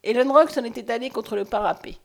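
A woman reads a classic novel aloud with a measured, expressive delivery. Her voice is a little higher than most and steady through the narration. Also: gravelly. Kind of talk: audiobook narration.

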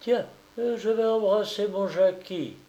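A light, lilting young wife, cheerful and dreamy, as a man reading aloud puts her on. Her voice sits noticeably high and moves at a slow storybook pace. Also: darkish tone, muffled recording. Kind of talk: audiobook character reading.

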